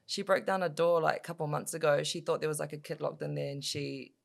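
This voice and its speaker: Woman, New Zealand accent, 30s, gravelly, casual interview guest, talkative. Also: deep voice, level tone, fast. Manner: chatty, laughs easily, lots of fillers. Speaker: guest, MMA fighter. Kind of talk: casual chat.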